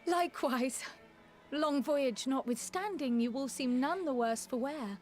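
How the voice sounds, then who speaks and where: A woman's voice: high-pitched, unhurried, faint music behind. A woman voicing a composed, courteous and loyal female leader in a video game, speaking politely and formally. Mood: welcoming. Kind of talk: scripted video game acting.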